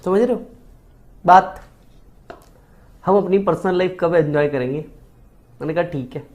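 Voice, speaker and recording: A man's voice: sits high, a little slow. Chatty man telling a funny story. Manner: chatty, with frequent rhetorical asides to listeners; self-mocking, animated delivery. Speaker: motivational speaker. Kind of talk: humorous storytelling talk.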